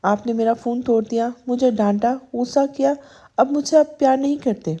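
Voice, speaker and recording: Shy storybook wife, hesitant and pleading, high mellow voice, read by a woman. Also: fairly even intonation. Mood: sulking. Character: timid young wife, pleading and tearful.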